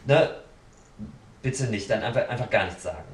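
Chatting casually as a podcast guest, a man recounts stories in a blunt, dramatic way, voicing the quotes himself. He has a lowish, expressive voice and a moderate pace. The distant mic picks up a roomy sound and faint noise.

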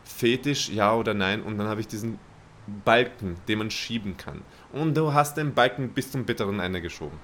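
A man's voice: lowish voice, moderate pace, a bit bright, slight background noise. A man hosting a podcast in casual chat, teasing his guest with laid-back banter. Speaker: podcast host. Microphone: own microphone.

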